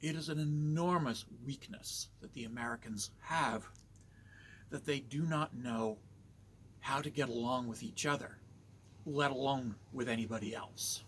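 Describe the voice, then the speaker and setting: A man from Canada talking in a slow, measured, somewhat preachy monologue. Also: mid-range voice, a bit bright, slight background noise. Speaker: vlogger.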